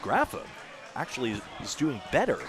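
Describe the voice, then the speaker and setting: A man doing live play-by-play commentary for a bowling match, with lively bursts of excitement on big shots. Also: mid-range voice, brisk.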